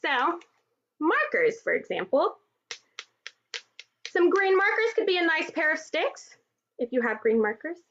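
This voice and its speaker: A woman's voice: high voice, very animated, measured pace, pauses often, a bit bright, dull audio, slight background noise. A woman from Texas, a music therapist, leading a children's movement and music class and cheerfully speaking straight to the kids at home. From Texas, USA. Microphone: computer microphone.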